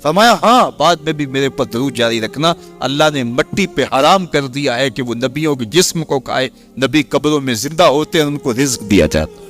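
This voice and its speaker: A man preaching a religious sermon with a Pakistani Urdu accent, impassioned and rising to high emphatic peaks. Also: animated, a bit bright, faint music behind.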